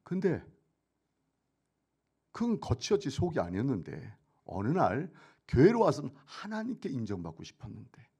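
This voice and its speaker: A middle-aged man stands as a church elder and gives his testimony in a very lively, rising and falling voice. He jumps from loud, pressing bursts to hushed asides. He often asks a question and answers it himself. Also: medium pitch, breathy edge. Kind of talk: testimony sermon.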